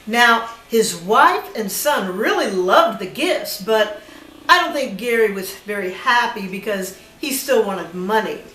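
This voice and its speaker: A woman's voice: medium pitch, animated, a little slow, bright, forceful tone. A woman filmmaker telling a personal story in a casual, chatty, anecdotal way, sounding a little incredulous at times. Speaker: independent filmmaker. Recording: roomy echo, voice from a distance.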